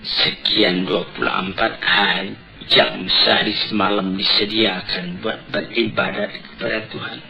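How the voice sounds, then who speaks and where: A man preaching a sermon on an old cassette tape recording, deliberate and emphatic, asking rhetorical questions. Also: fairly low pitch, little pitch movement, creaky, over loud music, rough recording.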